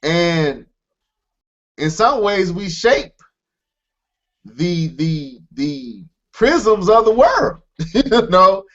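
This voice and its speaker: Earnest podcast host, slightly high voice. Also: male voice, big pitch swings, extremely slow, pauses often, a bit bright, lo-fi sound. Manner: earnest, emphatic, rambling with restarts. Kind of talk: casual chat.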